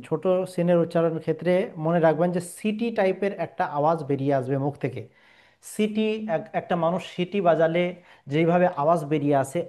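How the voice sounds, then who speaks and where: A man with a slightly high voice gives a slow, patient pronunciation lesson. He sounds out each letter again and again, stretching the vowels and checking that the listener understands. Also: dark tone. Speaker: Quran recitation teacher.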